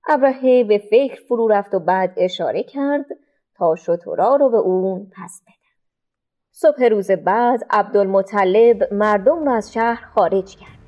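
Brief: female storyteller, expressive children's-story narration, soft music bed. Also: medium pitch, highs cut off.

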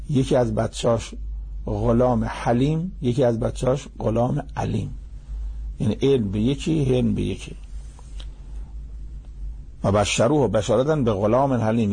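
Older male preacher, gravelly and husky, recites verses then explains them plainly. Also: mid-range voice, dark tone. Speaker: Quran teacher. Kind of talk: sermon-style Quran commentary.

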